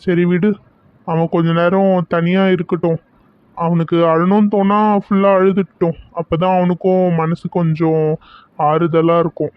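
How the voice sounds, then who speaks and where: A man doing a calm level-headed brother. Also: sits high, moderate pace, smooth, no echo, natural voice. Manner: reasoning, steady. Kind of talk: cartoon serial voice acting. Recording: dull lo-fi dry recording.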